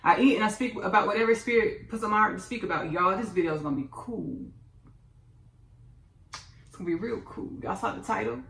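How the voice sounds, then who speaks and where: A woman hosting a casual mukbang video, talking in an animated, rambling way about spiritual ideas. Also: mid-range voice, fairly quick, vocal fry, pauses often. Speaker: host. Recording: echoey room.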